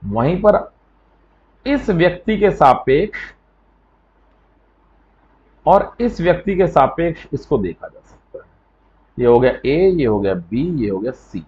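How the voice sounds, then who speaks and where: A man's voice: fairly high pitch, animated, slow pace, long pauses, highs cut off. A man teaching an exam coaching lecture in a conversational way, often checking with "right?" as he explains.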